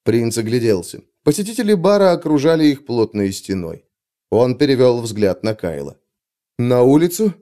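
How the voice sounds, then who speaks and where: A man's voice: mid-range voice, normal speed. Man narrating an audiobook steadily. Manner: steady, dramatic storytelling. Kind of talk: scripted narration.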